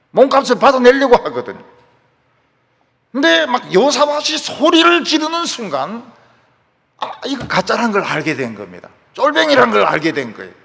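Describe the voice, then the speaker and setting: A man pastor gives a dramatic sermon, dropping to soft asides and then rising to shouts. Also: high voice, vocal fry. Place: church sanctuary. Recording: reverberant church hall.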